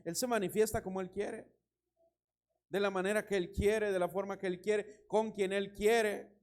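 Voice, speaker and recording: A man preaching a sermon as pastor, reading scripture and telling anecdotes with lively emphasis and a Mexican Spanish accent. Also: high voice. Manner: animated preaching, reads scripture, tells anecdotes with laughter.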